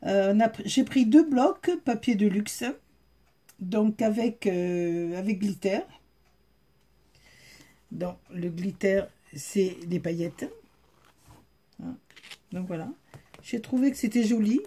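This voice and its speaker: In this relaxed show-and-tell, a Southern French woman presents her haul to viewers, chatting away with plenty of fillers and addressing them directly. Her mid-range voice is mellow with a breathy edge, and she speaks slowly, leaving long pauses.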